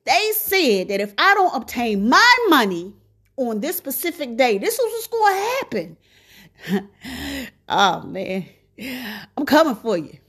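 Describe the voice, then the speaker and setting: A woman's voice: fairly high pitch, very animated, slow pace, long pauses, fairly bright tone, breathy edge. A woman talking straight to her viewers in a blunt, sassy rant full of slang. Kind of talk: casual monologue to viewers.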